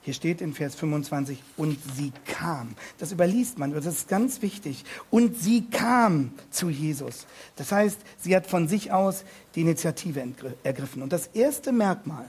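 A man preaches a sermon on a Bible passage, speaking emphatically, slowing down to repeat key words, and putting questions directly to his listeners. His voice is a little high with a darkish tone and a breathy edge.

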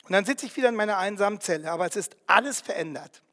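A man narrating a first-person story in an earnest, vivid way, with quiet emotion. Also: high-pitched, expressive, racing, long reverb tail.

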